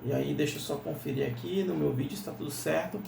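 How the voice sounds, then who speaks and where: Brazilian guy walking thru an english lesson, gravelly voice, kinda far from the mic in an echoey room. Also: fairly high pitch, fast, a little mellow. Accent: Brazilian Portuguese. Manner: explains patiently, full of "né?" and repeats. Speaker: English teacher. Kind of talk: screen-share lesson walkthrough. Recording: roomy, slightly distant mic, faint noise.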